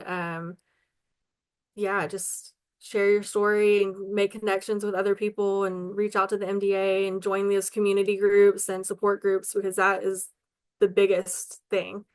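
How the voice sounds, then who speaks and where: A woman speaks as a guest in a news interview, earnest and chatty with plenty of ums. Her voice is smooth and clear, and her pitch stays flat and even. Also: moderate pace. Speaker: local advocate interviewed as guest. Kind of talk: casual interview answers.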